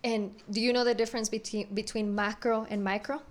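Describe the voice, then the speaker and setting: A woman's voice: mid-range voice, little pitch movement, normal speed. A woman activist and organizer in a podcast discussion, assertive and emphatic, often checking for agreement.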